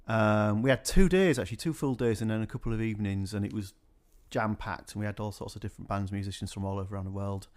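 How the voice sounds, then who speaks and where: On a radio interview, a guest discusses his music organisation in a loose, rambling manner packed with fillers. His voice is on the low side, and he talks fast with hardly any pauses.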